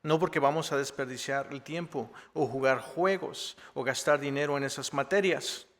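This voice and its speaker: Un pastor asistente mexicano que predica un sermón en tono cercano, con bromas y preguntas retóricas como «¿verdad?». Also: male voice, medium pitch, normal speed, fairly bright tone, big-room sound. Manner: conversational, joking asides with rhetorical "¿verdad?". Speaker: assistant pastor. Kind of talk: sermon. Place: church sanctuary.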